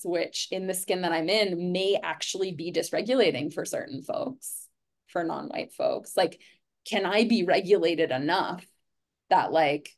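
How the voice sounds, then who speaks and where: Thoughtful female guest, somewhat low-pitched, chatty and earnest, leans on "like" and "right?". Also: darkish tone. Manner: earnest and reflective, many "like" and "right?" tags. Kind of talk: conversational podcast chat.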